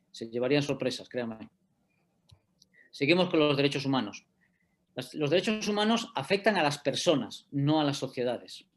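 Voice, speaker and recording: Man, middle-aged, law lecturer, slightly high voice, explanatory, online class audio. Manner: explanatory, checks in with "¿de acuerdo?" often. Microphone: video call.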